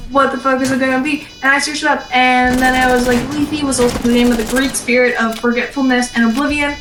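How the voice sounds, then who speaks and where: A woman's voice: high voice, level tone, fast, music in the background. A woman in a casual voice chat, earnestly rambling through an explanation while friends play. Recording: echoey, distant voice-chat mic with faint noise.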